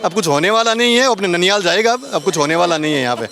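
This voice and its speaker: A man from Coimbatore in Tamil Nadu, speaking scornfully and forcefully in a street interview. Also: sits high, lively intonation, rapid-fire. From Coimbatore, Tamil Nadu, India.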